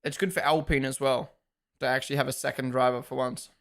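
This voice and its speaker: A man's voice: medium pitch, steady tone, fast, a bit bright. Chatty New man hosting a stream. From New Zealand. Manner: chatty, loose and swearing. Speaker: live stream host. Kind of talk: casual live watch-along chat.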